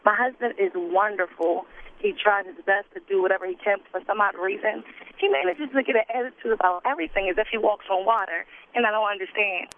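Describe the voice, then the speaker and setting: A woman's voice: medium pitch, a little fast. Woman caller on a tinny phone line. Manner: casual, plain-spoken, frustrated venting. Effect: heard over the phone. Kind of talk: call-in radio conversation.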